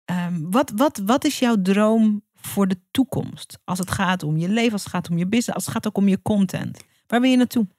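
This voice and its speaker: A woman's voice: medium pitch, brisk, few pauses, a little mellow, no room sound, studio quality. A woman hosting a podcast interview, encouraging and talking in long winding sentences full of fillers. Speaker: podcast host.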